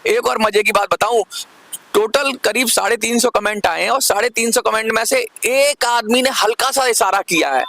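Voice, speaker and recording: High, gravelly-voiced man arguing his point. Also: normal speed, bright, forceful tone, dry recording. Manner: persuasive, asks viewers to comment; argumentative, repeats points for emphasis. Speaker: channel host. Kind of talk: direct-to-camera commentary.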